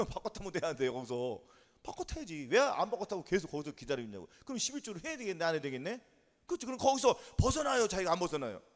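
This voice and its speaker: A man's voice: sits high, big pitch swings, quick pace, long reverb tail. A male pastor, preaching a sermon that drills the congregation with back-and-forth questions. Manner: drilling call-and-response questions. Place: church sanctuary.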